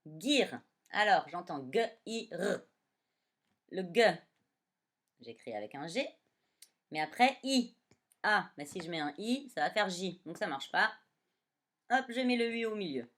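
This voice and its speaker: Sounding words out syllable by syllable, a female primary teacher runs a dictation exercise with small children. Her delivery is slow and deliberate, yet her voice moves with lively pitch.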